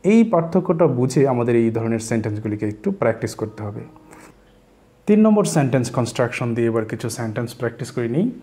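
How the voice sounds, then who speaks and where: Guy teaching spoken english, says each example sentence slow and careful. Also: mid-range voice, mellow. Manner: explains in Bengali mixing in English phrases.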